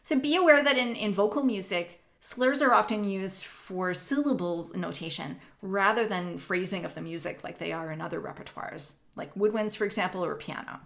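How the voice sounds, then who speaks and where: Woman with a Canadian accent, music lecturer, steady explanatory delivery, spells out syllables slowly. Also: mid-range voice, gravelly. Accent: Canadian English. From Northern Ontario, Canada. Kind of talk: recorded online lecture.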